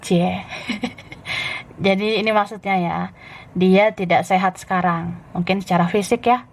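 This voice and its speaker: A woman reading tarot cards in a casual, chatty way. She reads messages slowly, then retells them in loose everyday speech with playful asides. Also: medium pitch, fairly even intonation. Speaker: tarot reader.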